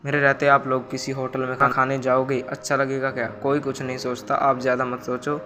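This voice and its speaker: A man voicing a caring young married daughter in a storybook tale, read in an even, flat manner. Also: mid-range voice, fairly quick, lightly acted. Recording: music bed underneath. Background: music.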